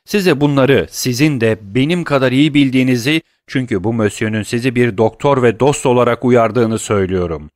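A man's voice: mid-range voice, moderate pace, few pauses, no echo, clean studio sound, lightly acted. A man voicing a grieving, impassioned young lover who speaks in urgent, accusing and pleading tones.

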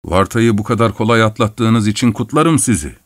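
A man's voice: fairly low pitch, normal speed, dry recording, studio quality, lightly acted. A man voicing a glib, easygoing fellow who talks offhandedly in an audiobook reading. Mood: offhand. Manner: chatty, offhand. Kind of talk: audiobook character voice.

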